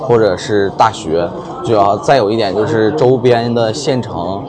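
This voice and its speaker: A man's voice: on the low side, normal speed. Male interviewee, small business owner, hesitant and conversational, with busy crowd noise around. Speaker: milk tea shop owner being interviewed. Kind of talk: casual interview answers. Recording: busy crowd chatter behind.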